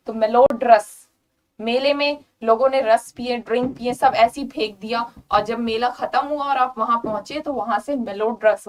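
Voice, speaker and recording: A young Indian-accented woman gives an online exam-prep vocabulary lesson in a high, bright-toned voice. She repeats each word slowly and keeps checking that students follow. Her voice sits a little back from the mic. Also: recorded from a distance, poor audio. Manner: repeats words slowly and checks understanding with "clear?"; mixes English words and sentences into Hindi explanation. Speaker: English vocabulary teacher.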